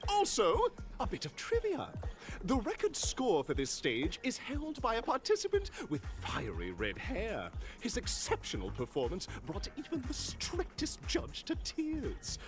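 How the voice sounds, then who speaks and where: A man's voice: very high voice, wildly swooping pitch, measured pace, music in the background, heavily acted. A man voicing a grandiose, gleeful game-show host who sounds like a villain, delivering a showy announcer monologue in a video game. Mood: showy, sly. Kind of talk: game character voice acting.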